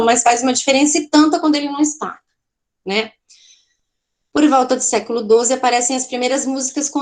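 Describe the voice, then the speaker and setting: Brazilian woman giving an art lesson, kinda high voice, talky, keeps asking "tá?". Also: a little mellow. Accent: Brazilian Portuguese. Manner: chatty, explanatory, frequent "tá?" checks, self-corrections. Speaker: teacher. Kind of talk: online art class lecture.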